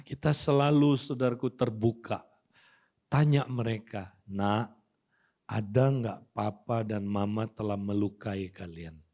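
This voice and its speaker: Slow, deliberate older male preacher. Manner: addresses listeners as saudara, soft trailing line ends; acts out quoted dialogue in a lower, gentler voice. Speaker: pastor. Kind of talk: sermon. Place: church auditorium.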